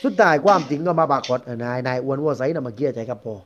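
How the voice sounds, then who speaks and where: A man with a Southern Thai accent tells a ghost story as a guest, in a loose, rambling, conversational way. He talks fast at a mid pitch. The recording sounds dull and lo-fi. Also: animated, a little hiss or hum. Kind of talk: casual spoken ghost story telling.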